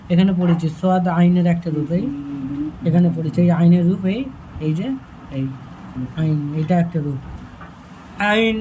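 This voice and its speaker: A man teaching Quran reading, calling out letters slowly one by one and explaining in quick asides. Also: high-pitched, darkish tone, lo-fi sound, slight background noise. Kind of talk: step-by-step reading lesson.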